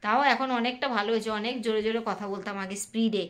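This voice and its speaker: A woman chats in a casual home vlog, her voice high and ringing bright. Her words rush out and tumble over each other. She is talking into a phone held in her hand while sitting in bed. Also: fairly even intonation. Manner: rushed, tumbling speech. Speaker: family vlogger.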